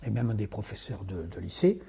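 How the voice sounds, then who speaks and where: A man from southern France speaking in a conversational interview, reflective and animated, often restarting his sentences. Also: on the low side, normal speed, gravelly, breathy edge. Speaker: interview guest.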